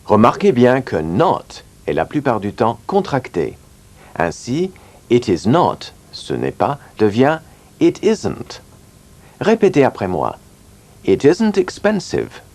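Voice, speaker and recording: Slow, lively-voiced teacher man. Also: medium pitch. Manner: slow, clearly articulated drilling of words. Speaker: language teacher. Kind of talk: scripted language lesson.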